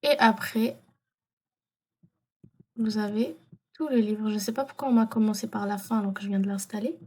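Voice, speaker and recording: A woman's voice: medium pitch, steady tone, moderate pace, a little mellow. A woman walking viewers through an app in a casual tutorial, hesitant with many fillers and self-corrections. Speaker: vlogger.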